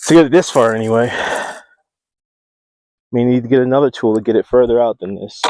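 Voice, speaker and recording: A homesteading vlogger talks casually while doing outdoor building work at his homestead, thinking aloud with plenty of fillers. A small clip-on mic close to his mouth picks up his heavy breathing from the labor. His voice is medium-pitched, brisk, and darkish.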